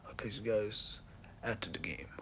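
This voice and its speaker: A man's voice: on the low side, moderate pace, a bit bright, whispered. A man hosting a casual sports talk show, rambling and repeating himself, sounding exasperated and often calling the listener "bro.". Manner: rambling, repetitive, exasperated, says "bro" a lot.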